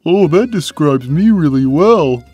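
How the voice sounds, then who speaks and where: A man voicing a big, simple-minded, gentle cartoon cat who talks slowly and placidly, taking everything literally. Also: on the high side, lively intonation, breathy edge, soft background music. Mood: slow, earnest. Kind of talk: cartoon character answering fan questions.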